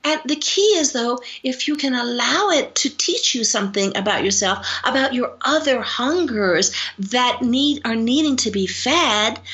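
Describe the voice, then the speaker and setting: A woman psychologist, a guest on an interview show, telling stories in an animated way and acting out the dialogue in them. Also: on the high side, highs cut off. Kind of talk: storytelling interview answers.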